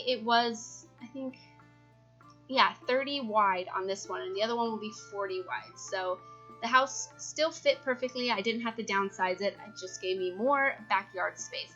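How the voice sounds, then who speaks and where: A woman in her twenties talks through a home voiceover in a loose, rambling way, often laughing and filling pauses. Her voice is bright and a little high. The sound is slightly dull, with quiet music behind her. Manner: rambling, giggly, with many fillers. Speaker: YouTube build creator. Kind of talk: casual chatty voiceover.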